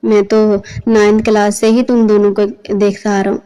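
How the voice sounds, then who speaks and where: A woman's voice: medium pitch, level tone, clear, resonant tone, lightly acted, low-quality recording. Woman reading a jealous teenage husband. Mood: angry. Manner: shouting accusations. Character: jealous hot-tempered 18-year-old husband.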